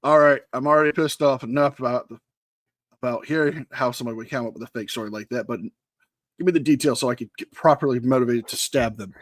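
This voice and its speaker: A man's voice: medium pitch, quick pace, dry recording. A male podcast co-host in casual chat, blunt and profane in his banter.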